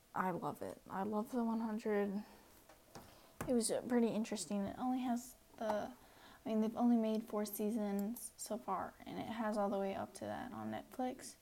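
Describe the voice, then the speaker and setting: A young American woman hosts her first solo podcast, rambling casually and poking fun at herself, sometimes sinking into a soft near-whisper. Her voice is a little high, and the recording quality is low.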